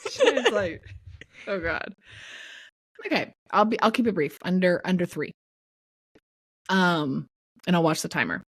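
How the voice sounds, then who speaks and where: An excitable young woman chats on a podcast with her friends. Her voice sits a little low for a woman, and she gets animated fast, talking through her enthusiasm. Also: husky. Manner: animated, enthusiastic, breaks into song. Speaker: podcast co-host. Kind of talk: casual chat.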